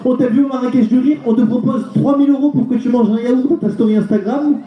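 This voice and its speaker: A man voicing a brisk woman brand rep making a chirpy, businesslike sales pitch over the phone. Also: fairly even intonation, distant mic, muffled recording. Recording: echoey live venue with crowd.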